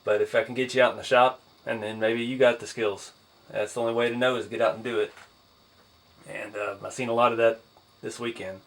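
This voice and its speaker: A tired man who is losing his voice, hosting a casual one-take haul vlog in an easygoing, rambling way with frequent pauses and "uh"s. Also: mid-range voice, level tone. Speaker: hobby channel host.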